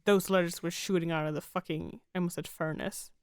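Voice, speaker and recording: A woman's voice: fairly low pitch, steady tone, a little fast, clear, resonant tone, dry recording, clean studio sound. A woman co-hosting a podcast, chatting casually and animatedly with a co-host and swearing freely. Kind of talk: casual chat.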